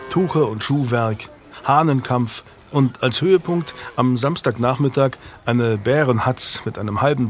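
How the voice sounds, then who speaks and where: A man narrating a historical novel as an audiobook, in a measured, even storytelling manner. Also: medium pitch.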